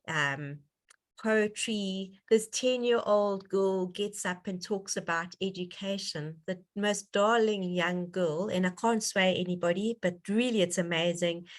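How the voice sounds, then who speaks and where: A woman with a lowish voice hosts a donor conference call over an online connection, speaking casually and sounding effusive, enthusiastic, and appreciative.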